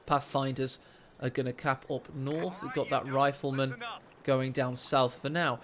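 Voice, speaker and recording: A deep-voiced man casts a strategy game live into a desk microphone in a small room at home, speaking unhurriedly. He's excitable and jokey, his energy rising with the action. The background is noisy, with game gunfire, ambience and sound effects running under his voice.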